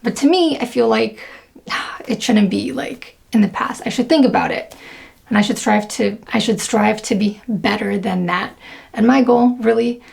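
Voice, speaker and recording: A woman's voice: a little high, normal speed, creaky, darkish tone. A young woman talking casually to camera, chatty and full of fillers. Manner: chatty, lots of fillers and laughs. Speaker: video creator.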